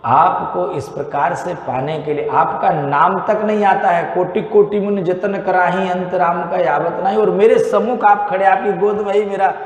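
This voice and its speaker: A man voicing a dying monkey king who speaks with humble devotion, in an echoey hall. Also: high voice.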